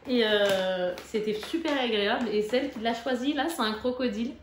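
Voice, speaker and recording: A woman in her thirties, a mother, chatting casually and warmly to her viewers with lots of fillers while showing off her shopping. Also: a little high, normal speed. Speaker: vlogger, mother. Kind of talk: casual haul vlog chat. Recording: echoey room with background noise.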